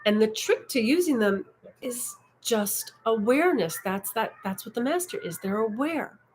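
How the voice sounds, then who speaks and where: A woman teaching in a room, speaking in an unhurried, contemplative way and guiding the listener through breaths. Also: a little high, lively intonation, a little hiss or hum, low-quality recording. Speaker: meditation and Taoism teacher. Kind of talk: reflective spoken teaching. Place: indoor room.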